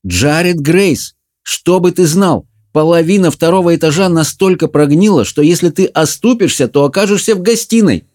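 A man's voice: medium pitch, moderate pace, mellow, voice pushed up, natural voice. A man voicing a stern, suspicious middle-aged mother who scolds firmly, in an audiobook story. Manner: firm, scolding.

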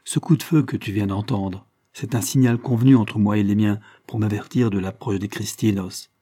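A man's voice: lowish voice, fairly even intonation, moderate pace, dark tone, no room sound, clean studio sound, natural voice. A man voicing a young male guerrilla leader in an audiobook, speaking with impassioned, pleading intensity. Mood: urgent. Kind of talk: audiobook character reading.

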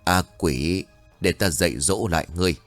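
A man voicing an old village spirit medium woman who speaks calmly, low and firmly. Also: moderate pace, no echo, faint music behind, natural voice. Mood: grave.

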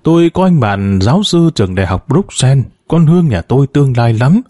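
A man voicing a calm, hopeful older family head who talks in a matter-of-fact way in a spoken story. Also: medium pitch, fairly quick, dry recording, clean studio sound, close to an everyday voice.

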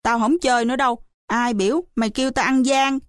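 A woman's voice: on the high side, steady tone, no room sound, clean studio sound, close to an everyday voice. Woman doing a bossy teasing little boy. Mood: sulky. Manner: brash and quick, scolding.

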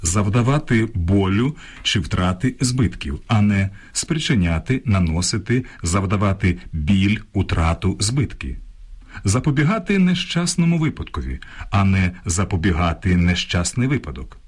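A man presenting a language program on radio, reading a script in a measured, instructive way, contrasting correct and incorrect phrases. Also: deep voice, big pitch swings, breathy edge. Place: radio studio.

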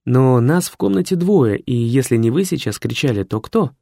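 A man's voice: medium pitch, lively intonation, normal speed, creaky, warm tone, no echo, studio quality. A man voicing a fussy, deferential male secretary. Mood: prim, courteous. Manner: formal, courteous, slightly know-it-all.

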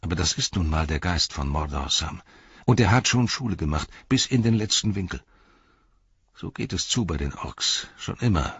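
A thoughtful hobbit speaks low and earnest, keeping his husky deep voice quiet, as a male reader puts him on. The recording is close, dry and a bit dull. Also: dry recording, heavily acted.

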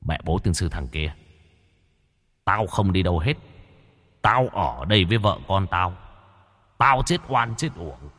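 Casting: man playing a low, gruff, cursing male ghost, quiet and close. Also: expressive, unhurried, long pauses, big-room sound, full character voice. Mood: angry. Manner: cursing, growling.

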